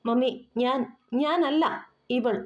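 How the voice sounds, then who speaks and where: A woman's voice: high-pitched, slow pace. A woman voicing a frustrated, hurt young man who speaks reproachfully, in an audio novel. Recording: roomy dull recording with soft music.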